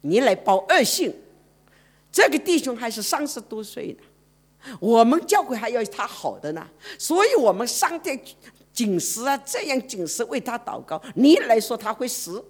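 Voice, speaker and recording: A woman preacher, telling a story in a sermon and swinging from loud exclamations to hushed murmurs. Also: a little high, big pitch swings, normal speed, slightly rough.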